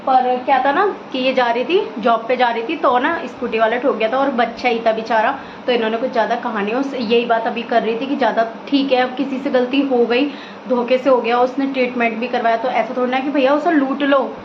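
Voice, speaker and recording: A woman's voice: on the high side, fairly even intonation, brisk. A woman in her thirties chatting casually through a home vlog, talking about her chores and laughing often. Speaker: vlogger. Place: home, kitchen and a relative's house. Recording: muffled phone audio with clear background noise.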